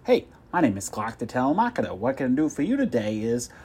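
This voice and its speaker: A man's voice: medium pitch, big pitch swings, fast, a little hiss or hum, lightly acted. A man playing a pushy, insulting telemarketer who brags and swears. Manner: loud, insulting hard sell. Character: pushy rude male phone salesman.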